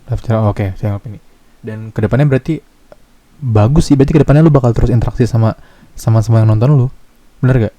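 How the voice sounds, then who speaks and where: A young man with a Jakarta slang accent hosting a casual podcast chat, relaxed and searching for his words. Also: medium pitch, fast, long pauses, dry recording, lo-fi sound. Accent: Jakarta slang Indonesian. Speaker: podcast host.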